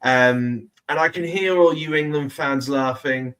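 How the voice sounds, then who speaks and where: A man in his twenties co-hosting a casual sports podcast, chatty with quick asides. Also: medium pitch, a bit bright. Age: 20s. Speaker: podcast co-host.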